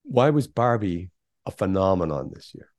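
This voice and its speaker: A man's voice: deep voice, very animated, moderate pace, a little mellow, no echo, studio quality. A middle-aged man, a guest on a podcast interview, speaking emphatically and firing off rhetorical questions. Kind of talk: conversational interview.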